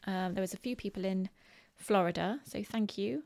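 Female podcast host, West Country English accent, mid-range pitch, informal and chatty, hesitant delivery with plenty of ums. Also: moderate pace, vocal fry, darkish tone. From Bristol, southwest England. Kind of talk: casual solo podcast talk.

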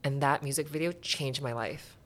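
A woman's voice: very deep voice, steady tone, normal speed. A woman from Canada, a bubbly guest who laughs often in a casual podcast interview.

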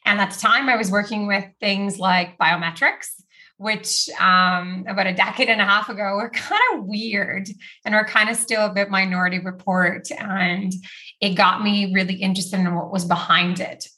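A woman's voice: mid-range voice, normal speed, sharp tone. A woman from Brazil, a podcast guest, talking casually about her career with many "like"s and small laughs. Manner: chatty, uses "like" often, laughs between phrases. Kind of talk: casual interview talk.

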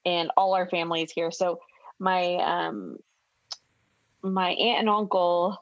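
A woman's voice: on the low side, slow pace, no echo, dull audio. A woman co-hosting a podcast, chatting in an easygoing way and laughing along with her friend. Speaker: podcast co-host. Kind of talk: casual chat.

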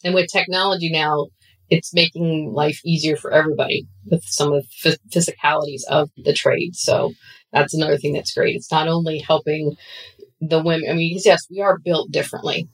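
A woman speaking as an interview guest and expert on women in the skilled trades, giving earnest, steady advice. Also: low voice, fairly quick, low-quality recording. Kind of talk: conversational interview.

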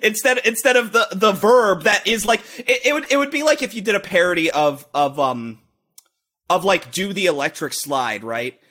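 Young man, casual podcast chat, high-pitched, very lively intonation, excitable, rambling. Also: normal speed. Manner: rambling, excitable, swears, bursts into shouted quotes.

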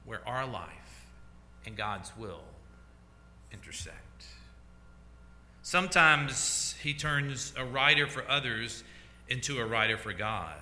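A man preaching a sermon as pastor, slow and deliberate, letting his voice fall to a hush at the ends of phrases. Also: mid-range voice, animated, a little hiss or hum. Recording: echoey church hall.

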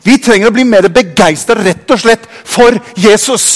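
A high-pitched man, preaching in a church hall. His fervent sermon swells from low, thoughtful passages to ringing shouts. The long reverb of the hall trails after each phrase. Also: soft background music. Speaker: pastor.

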